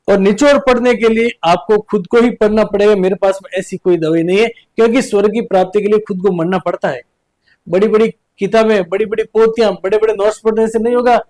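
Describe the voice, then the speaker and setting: Man, teacher, high voice, earnest coaching lecture, rhetorical questions. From India.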